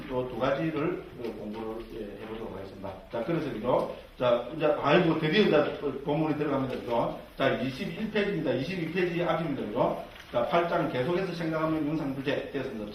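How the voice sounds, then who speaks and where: A man's voice: a little high, slight background noise. A man teaching Buddhist scripture to lay believers, constantly checking in with tag questions and rhetorical questions and slipping in jokey asides. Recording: very echoey hall, mic far off.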